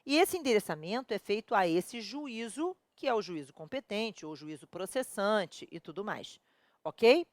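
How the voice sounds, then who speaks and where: Animated Brazilian woman teaching law. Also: medium pitch, normal speed, no room sound. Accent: Brazilian Portuguese. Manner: lively, colloquial, full of rhetorical questions to students; addresses viewers directly and familiarly. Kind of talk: recorded video lesson.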